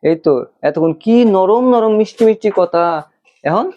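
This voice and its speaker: A man's voice: high-pitched, normal speed. A man playing a mocking, dismissive husband in a family quarrel skit. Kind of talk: acted domestic quarrel skit. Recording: dull lo-fi sound.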